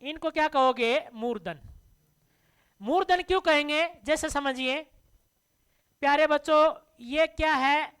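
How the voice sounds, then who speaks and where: A woman teacher leads a slow, patient classroom lesson. Her voice sits high. She speaks to the students as dear children, putting questions to them and answering each one herself so the terms stick. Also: fairly bright tone. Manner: addresses listeners as dear children.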